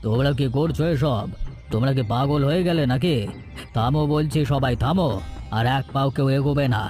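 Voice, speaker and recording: Cartoon role: a man as a stern village headman, mellow warm tone, faint music behind. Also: medium pitch, a little fast, close to an everyday voice. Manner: stern, authoritative. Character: firm fair-minded male village headman. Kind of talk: cartoon dubbing.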